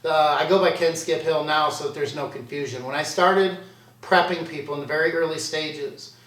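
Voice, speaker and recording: A man's voice: fairly high pitch, fairly even intonation, moderate pace, a bit bright, far from the mic. A man coaching contest prep, answering viewer questions in a candid, self-deprecating, conversational way. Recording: roomy sound from away from the mic.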